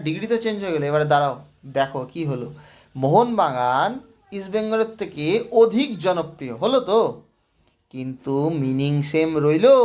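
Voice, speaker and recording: A man's voice: a little high, darkish tone. A man teaching grammar as a lesson, explaining step by step and asking rhetorical checks. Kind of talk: classroom lesson.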